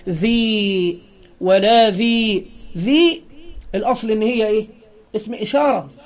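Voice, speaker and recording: A man with an Egyptian accent leads a classroom grammar lesson in a rather high voice. He repeats key phrases and throws questions at his students as he goes. The recording is dull and lo-fi. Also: a little mellow. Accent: Egyptian Arabic. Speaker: teacher.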